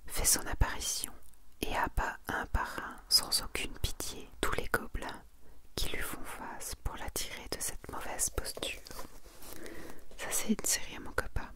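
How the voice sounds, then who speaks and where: A woman's slow ASMR whisper carries this clip as she presents a manga collection. Gentle and hushed, she reads aloud and offers commentary along the way.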